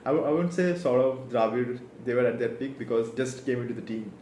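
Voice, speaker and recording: Slow-talking Indian man in an echoey room. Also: medium pitch, dark tone, slight background noise. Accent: Indian English, Bengali. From Kolkata, India. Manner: rambling, code-switching, many fillers and restarts. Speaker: football vlogger. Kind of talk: casual chat to camera.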